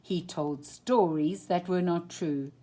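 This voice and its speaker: Reading a children's storybook expressively, a woman uses a lowish voice and a deliberate, dramatic style that moves from full-voiced lines to hushed ones.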